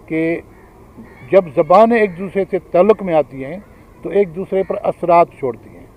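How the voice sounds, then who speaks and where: A man with a notably high-pitched voice delivers a public lecture. He argues his case earnestly and keeps a steady lecturing pace. He sounds middle-aged. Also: rough recording. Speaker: guest speaker.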